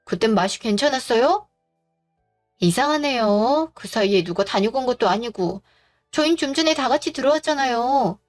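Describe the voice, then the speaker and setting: A woman reading a dramatized story, speaking politely and calmly as the eldest daughter-in-law. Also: a little high, moderate pace, faint music behind.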